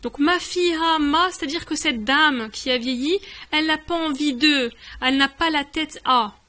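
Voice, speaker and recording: High bright voiced lady teacher, slow and patient, repeats every word. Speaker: online language teacher. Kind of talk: explaining a dialogue step by step.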